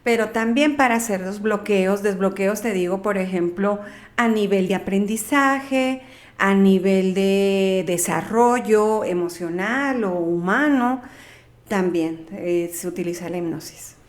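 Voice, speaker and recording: She is a middle-aged woman with a Mexican accent, speaking as a guest in a relaxed interview. Her voice sits at an ordinary pitch for a woman. She talks things through out loud, counts on the fly and now and then stumbles over a word. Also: measured pace. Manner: chatty, counts aloud, trips over words. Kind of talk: casual interview talk.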